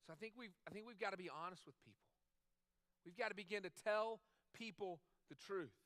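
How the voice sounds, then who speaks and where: A man's voice: sits high, brisk, a bit bright, no room sound, clean studio sound. A man preaching a sermon as a pastor, talking conversationally and repeating phrases for emphasis. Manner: acts out quoted dialogue in other voices.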